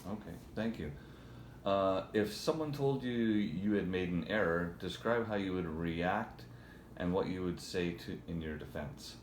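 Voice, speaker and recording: A man's voice: low voice, a little slow. A man acting as interviewer, putting formal prepared questions to a candidate. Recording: echoey room, faint background noise.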